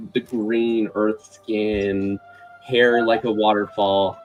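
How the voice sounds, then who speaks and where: A man runs a fantasy tabletop game as its game master, describing scenes conversationally. His voice sits fairly low and takes its time, with soft music behind. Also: rough recording.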